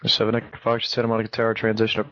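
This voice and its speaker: A man in a fairly low register reads clipped air traffic control calls in a flat, even tone. His voice comes through a dull, lo-fi radio channel. The transmission breaks off partway through his call. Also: racing, no room sound. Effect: radio transmission cut off partway.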